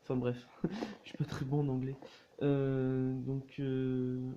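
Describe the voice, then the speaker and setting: A man's voice: medium pitch, fairly even intonation, takes it slowly, very noisy. Hesitant man with dull lo-fi sound. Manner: hesitant, many fillers and restarts. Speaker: collector showing wands. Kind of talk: casual unboxing vlog.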